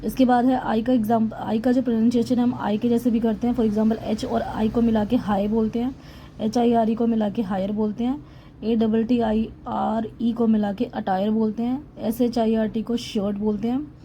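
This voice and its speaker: A woman's voice: on the high side, level tone, normal speed, warm tone, slight background noise, poor audio. A woman teaching English pronunciation in a lesson voice-over, spelling words letter by letter and then sounding them out.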